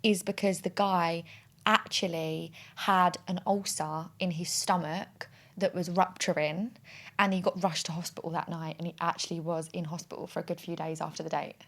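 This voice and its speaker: A woman, hosting a podcast and telling an animated, chatty story with free swearing. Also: lowish voice, normal speed. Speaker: podcast host. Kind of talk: casual chat.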